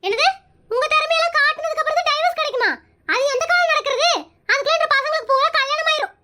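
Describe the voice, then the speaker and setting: A woman's voice: very high voice, fast, pushed and bright. A woman playing a feisty wife in a comedy skit, scolding and bickering with a Kongu Tamil accent. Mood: exasperated. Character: feisty wife seeking divorce, scolding her husband.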